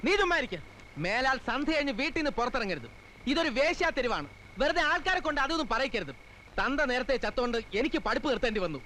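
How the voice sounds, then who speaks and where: A harsh brother scolding rapidly. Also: male voice, extremely high pitch, bright, forceful tone, slight background noise, exaggerated voice, rough recording.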